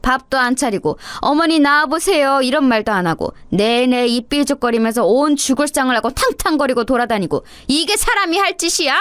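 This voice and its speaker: A woman voicing a bossy older mother-in-law who yells and scolds her daughter-in-law. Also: high-pitched, normal speed, no echo, voice pushed up. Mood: furious scolding. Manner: scolding, yelling insults.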